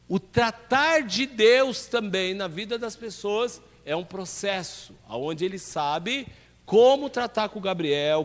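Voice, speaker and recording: A man with a Brazilian Portuguese accent, a pastor teaching a ministry class in a church, who puts questions to the class and answers them himself. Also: high voice. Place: church hall. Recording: long hall reverb.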